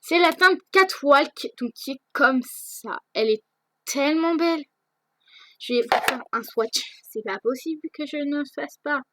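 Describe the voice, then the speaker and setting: A woman's voice: sits high, unhurried, a bit bright. A teenage girl answering viewer questions in a casual vlog, hesitant, with many fillers and restarts. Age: teens. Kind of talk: casual chat.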